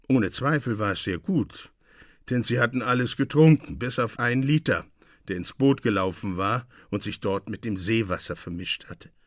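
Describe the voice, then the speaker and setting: A man narrating a classic short story as a radio reading, with lively, expressive delivery. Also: medium pitch, no room sound, studio quality.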